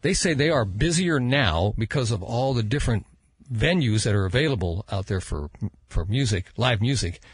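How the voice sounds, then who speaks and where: An older American male podcast host chats in a husky voice. He rambles and halts as he reminisces, close on the mic in a dry room. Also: mid-range voice, expressive, normal speed, no room sound. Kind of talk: casual chat. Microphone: close studio microphone.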